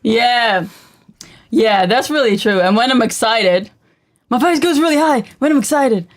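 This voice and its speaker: A woman co-hosting a casual livestream chat with her husband, blunt and quick to laugh, prone to exaggerating on a roll. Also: on the high side. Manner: blunt, laughs easily, says she exaggerates when on a roll. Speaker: co-host of a couple's livestream.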